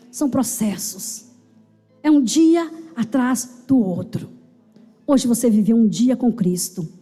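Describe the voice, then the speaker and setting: A woman's voice: on the high side, mellow, long reverb tail. A woman pastor with a Brazilian Portuguese accent preaching a sermon, emphatic, repeating phrases and calling for amens. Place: church sanctuary.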